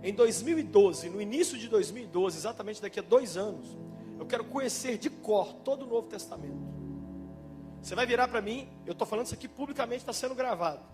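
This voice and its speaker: A man with a Brazilian Portuguese accent preaching a sermon, fervent and emphatic with sudden loud bursts. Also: high voice, animated, a little fast. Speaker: pastor. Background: instrumental music playing under the preaching.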